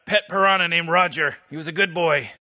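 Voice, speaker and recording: A man voices a cynical old mad scientist on the high side, fairly quick, with a bright and forceful tone. Sardonic and sarcastic, he rambles and stammers over his words, restarting and barking insults while comically mocking game characters.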